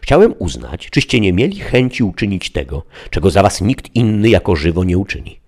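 A man's voice: low-pitched, very animated, fairly quick, darkish tone, full character voice. A man reading the part of a simple, loyal squire who pleads with his master in wordy, old-fashioned speech. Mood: earnest. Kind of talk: audiobook character reading.

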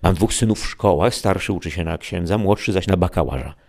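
A man's voice: sits low, a little fast, gravelly, a little mellow. A man voicing a simple, long-winded village peasant who speaks meekly and deferentially. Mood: earnest. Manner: meek, rambling, deferential.

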